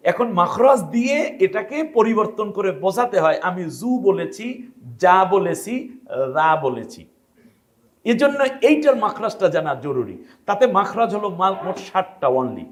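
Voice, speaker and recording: A man's voice: sits high, very animated, moderate pace. A man from Bangladesh teaching Quran pronunciation to a class, asking the students questions and demonstrating how each letter should sound.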